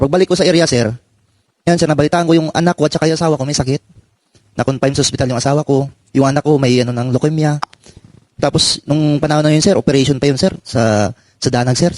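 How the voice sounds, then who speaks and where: A former soldier telling his story in a panel, halting and deferential, ending nearly every phrase with a polite "sir". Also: fairly high pitch, darkish tone, no echo. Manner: halting, repeats "sir" constantly. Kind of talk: personal testimony in a panel.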